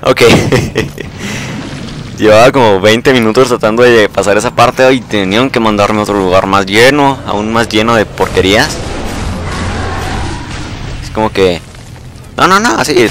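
A young man, casually commentating live gameplay, excitable and repeating words in bursts. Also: fairly low pitch, normal speed, noisy background.

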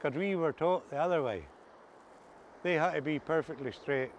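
A man's voice: a little high, normal speed. An older man with an Ulster Scots accent, chatting casually and reminiscing in broad rural dialect. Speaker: interviewee recalling farm life. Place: outdoors on a grassy coastal path by the sea. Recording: clear outdoor ambient noise.

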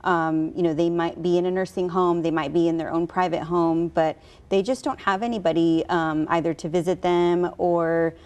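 Guest spot: woman, 30s, lower voice, warm and chatty, lapel mic in studio. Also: steady tone, moderate pace. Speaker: hospice representative, guest. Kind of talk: TV studio interview. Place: local TV news studio, on a couch.

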